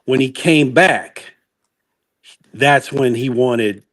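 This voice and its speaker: A man's voice: mid-range voice, very slow, fairly bright tone. A man on a podcast, telling music-industry stories in a loose, rambling way and correcting himself as he goes. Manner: rambling anecdotes with self-corrections. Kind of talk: casual storytelling chat.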